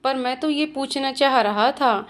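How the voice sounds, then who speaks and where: A woman's voice: sits high, unhurried. A woman doing a teasing young man. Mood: admiring. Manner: teasing, bantering delivery.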